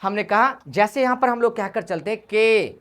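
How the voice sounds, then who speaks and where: In a mid-range voice at a moderate pace, a woman walks a class through Hindi grammar. She goes over the key points again and again, asking questions and supplying the answers herself.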